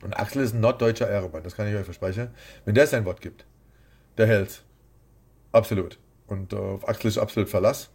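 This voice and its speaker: A man's voice: fairly low pitch, fairly quick, gravelly, long pauses, a little mellow, slightly rough. A man who is a boxing promoter, talking bluntly and rambling as the guest in an interview. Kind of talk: casual interview.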